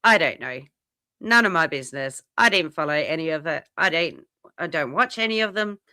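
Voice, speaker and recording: Woman, livestream guest, lowish pitch, dry close sound, blunt, indignant, swears. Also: expressive, moderate pace, pushed and bright, dry recording. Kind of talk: casual livestream chat.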